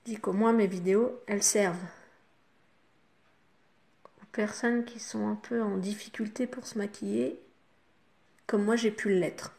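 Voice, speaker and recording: Une femme francophone au ton bavard, qui explique pas à pas son maquillage aux spectatrices avec beaucoup de « hop » et « voilà ». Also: female voice, mid-range voice, fairly even intonation, unhurried, creaky, pauses often, darkish tone. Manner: chatty, talks the viewer through each step with fillers like "hop" and "voilà". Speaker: makeup vlogger. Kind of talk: casual makeup tutorial.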